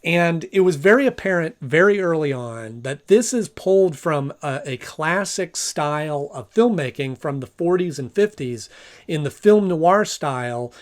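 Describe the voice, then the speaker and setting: Man, fairly high-pitched voice, casual reviewer, conversational recap, informal storytelling. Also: lively intonation, measured pace.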